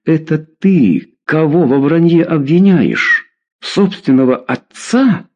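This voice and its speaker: A man voicing an enraged middle-aged father who hurls pompous threats at his son, with a husky, lively voice. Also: fairly high pitch, takes it slowly, lo-fi sound, voice pushed up. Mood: indignant.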